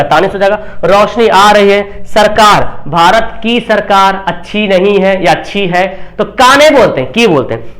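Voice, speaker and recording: A man teaching a grammar class online, who explains slowly, repeats example sentences and keeps checking with the students. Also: high-pitched, fairly bright tone.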